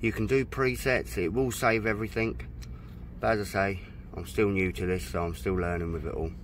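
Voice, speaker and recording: A British man casually demonstrates his boat's stereo outdoors at a dry stack, reading out menu items while he goes in a chatty, unhurried way. His voice runs on the low side with a steady tone, accompanied by a little hiss or hum.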